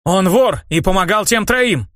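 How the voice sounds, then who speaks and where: A man's voice: sits high, lively intonation, unhurried, a bit bright, no echo, studio quality, voice pushed up. A man reading an audiobook and voicing a hot-headed teenage younger brother, defensive and sulky, his voice raised above his narrating tone. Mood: agitated.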